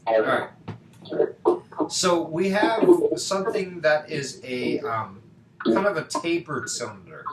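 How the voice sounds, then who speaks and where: A man's voice: fairly high pitch, lively intonation, slow, pauses often, a loud crowd. Chatty male tutor on a video call. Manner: chatty, rhetorical questions, frequent fillers. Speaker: math tutor. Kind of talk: casual online tutoring. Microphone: computer mic on a video call. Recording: echoey room with faint background noise.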